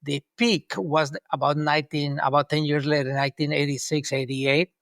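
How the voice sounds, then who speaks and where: A man's voice: a little high, fairly even intonation, moderate pace, fairly bright tone, no room sound. A man from Colombia in his sixties, answering interview questions in a rambling way with many ums and restarts. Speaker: guest, urban planner.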